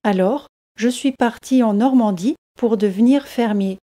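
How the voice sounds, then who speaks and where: A kindly old Englishman, retired and living by the sea, tells his story easily and slowly, as a woman reads him in a learners' storybook. The voice is mellow and a touch high. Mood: friendly.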